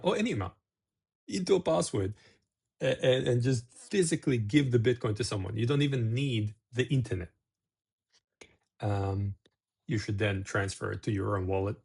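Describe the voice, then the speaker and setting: The host, a middle-aged Serbian man, rambles casually to camera with asides and restarts. His voice is lowish, gravelly and husky, with a slightly mellow quality.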